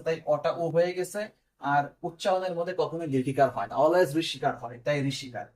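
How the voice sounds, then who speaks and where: A man teaching a pronunciation lesson step by step. He speaks Bengali with a Bangladeshi accent, asks his students questions and then answers them himself. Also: on the high side.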